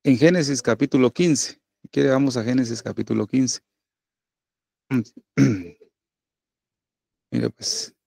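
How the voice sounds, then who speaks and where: A middle-aged pastor preaches in a friendly, conversational way, checking in with his listeners again and again. His voice has a gravelly edge and sits at an ordinary pitch for a man. The sound is close and dry, with almost no room around it. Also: slow, long pauses, warm tone, no room sound. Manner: conversational preaching with many tag questions. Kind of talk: sermon.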